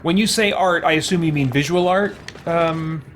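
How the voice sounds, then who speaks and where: A man streams a game casually, rambling and thinking aloud while chatting with viewers and reading their comments. His voice is fairly high and bright at a moderate pace, with background music and a little hiss or hum.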